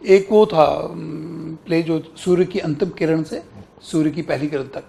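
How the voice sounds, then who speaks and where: A middle-aged man speaks in a high voice with a gravelly grain. He reminisces in a relaxed interview and slips into the other voices of his stories. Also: unhurried. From Kashmir, India. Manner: animated storytelling, acts out quoted exchanges. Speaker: guest actor and broadcaster.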